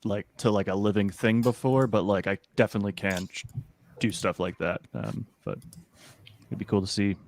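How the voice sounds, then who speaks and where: A man plays a tabletop role-playing game in character, speaking mildly and hesitantly with lots of fillers. His voice sits a bit low. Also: fairly even intonation, normal speed, slight background noise. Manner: hesitant, filler-heavy, mild. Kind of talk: in-character play.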